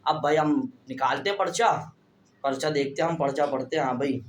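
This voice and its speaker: Young man, vlogger, casual storytelling, fairly high voice, echoey room. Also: brisk, slight background noise. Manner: chatty, keeps addressing viewers as brother; stands talking straight to camera. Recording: roomy echo.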